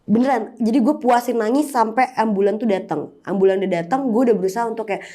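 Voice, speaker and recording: A woman's voice: fairly high pitch, fast, mellow. A woman, telling a personal story as an interview guest in a candid, emotional way, slipping in English words. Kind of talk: personal storytelling in casual chat.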